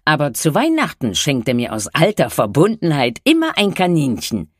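A woman's voice: sits low, huge pitch swings, moderate pace, no echo, clean studio sound, voice pushed up, heavily acted. A woman reading a story aloud, voicing a blunt, unsentimental woman who speaks curtly and matter-of-factly. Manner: matter-of-fact, curt.

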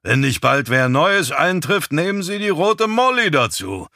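Man voicing an agitated male prisoner, high raised voice, loud, bright tone, dry audiobook read. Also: very animated, a little slow, gravelly, no echo, heavily acted. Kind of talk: audiobook character voice.

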